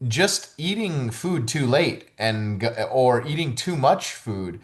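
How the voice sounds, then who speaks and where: A man who works as a holistic fitness coach, chatting as a podcast guest in a loose, rambling way full of "like" and "you know", and livening up when he gets excited. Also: mid-range voice, slow pace. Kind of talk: casual conversational interview.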